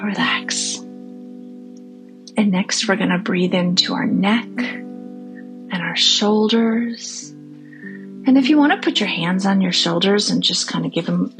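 A woman hosting a guided meditation for families and children, speaking gently and reassuringly to listeners, sometimes softening toward a breathy near-whisper. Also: mid-range voice.

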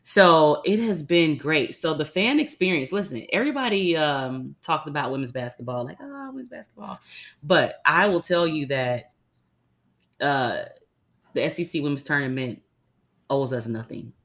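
This young woman hosts a casual medical podcast and chats in a relaxed way, full of slang and fillers. Her deep voice is a little raspy from the early morning, and she talks at a normal speed.

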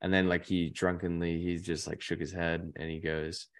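His low-pitched, level voice moves at a normal speed. He's a young man in his twenties chatting casually as a podcast guest, telling meandering stories full of "like."

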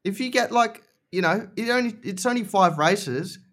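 A male podcast guest with a slightly high voice. He talks casually and explains things in an informal way, often repeating short phrases to press a point. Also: lively intonation, normal speed, fairly bright tone. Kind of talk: casual chat.

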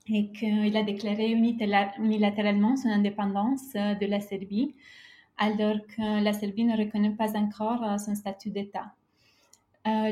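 A woman speaking as a podcast guest, telling a prepared personal travel story in a careful, halting way with frequent hesitations. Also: medium pitch, dark tone.

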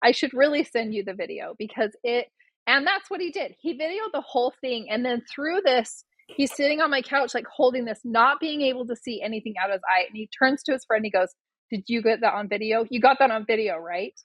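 A middle-aged woman telling a story in casual chat, animated and full of fillers, acting out the voices of the people in it. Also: on the high side, a little fast, dry recording, rough recording. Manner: animated, acts out quoted voices, many fillers. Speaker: podcast guest, doula.

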